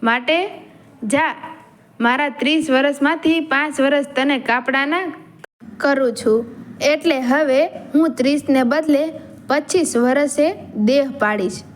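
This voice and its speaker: A woman's voice: high-pitched, takes it slowly, slight background noise. A woman storyteller voicing a bold young male warrior chieftain who scorns death, speaking in proud, defiant declarations. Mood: scornful.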